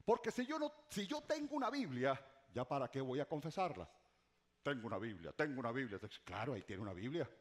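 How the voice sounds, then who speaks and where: A middle-aged man preaching a sermon as pastor, repeating key words for effect, dropping to a hush and rising again, with humorous asides to his congregation. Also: medium pitch, sing-song, a little fast. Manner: preaching with dramatic repetition and swings from loud to hushed.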